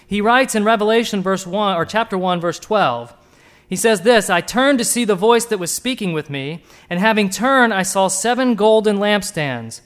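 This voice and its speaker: Guy preaching a sermon, high voice, goes hushed then emphatic, asks the crowd questions. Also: animated, normal speed. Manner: swings between hushed and emphatic; asks the listeners direct questions.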